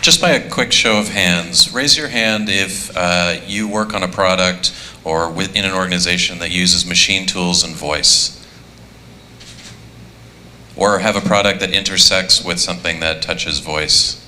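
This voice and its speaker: Very deep-voiced, bright male moderator. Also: unhurried, a little hiss or hum. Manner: conversational, questioning. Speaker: panel moderator. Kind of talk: conference panel moderation.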